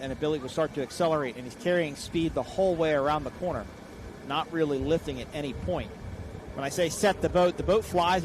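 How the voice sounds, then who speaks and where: An American man giving live, explanatory sports commentary on a race. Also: on the high side. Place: live at an outdoor boat race. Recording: clear outdoor vehicle and engine noise.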